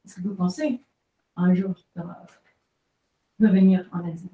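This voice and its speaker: A woman's voice: on the low side, a little slow, dark tone. Distant, echoey Canadian woman asking a question. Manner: rambling, hesitant questioning. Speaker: audience member asking a question. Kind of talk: asking a question at a book talk. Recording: echoey room, distant from the mic.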